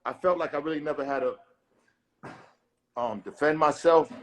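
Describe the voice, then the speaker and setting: A man's voice: on the high side, moderate pace. A man being interviewed in a casual live video call, speaking emphatically and profanely, often repeating and restarting phrases. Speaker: interview guest.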